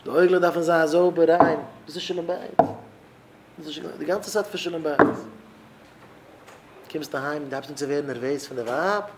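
Emphatic rabbi preaching over background noise. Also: male voice, a little high, steady tone, moderate pace, long pauses. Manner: emphatic, voice swelling loud on key words. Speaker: rabbi giving a talk to young married men.

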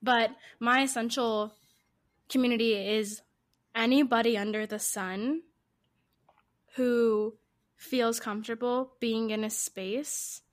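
A woman's voice: fairly high pitch, fairly bright tone. A woman co-hosting a podcast, talking in a rambling, tangential way with giggly asides. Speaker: podcast co-host. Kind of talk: casual podcast chat.

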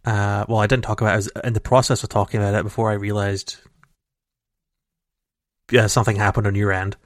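A low-leaning male voice with little pitch movement rushes through long, rambling stretches on a casual gaming podcast he co-hosts, restarting often and using many fillers. The recording is raw home audio from a computer mic over a call, dry with no room sound.

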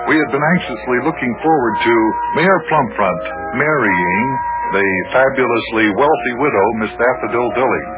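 An actor as a hearty kids' radio show announcer. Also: male voice, medium pitch, normal speed, lightly acted. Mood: hearty announcing. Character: Big John, easygoing adult man of the household. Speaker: announcer and narrator who also acts Big John. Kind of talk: old-time children's radio serial acting. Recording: muffled old radio, music behind.

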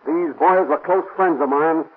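A dogged detective, husky voice a bit high, earnest, tinny old radio. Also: male voice. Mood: determined. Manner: earnest, brisk slangy talk. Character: determined male police investigator, dogged. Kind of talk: 1930s radio acting.

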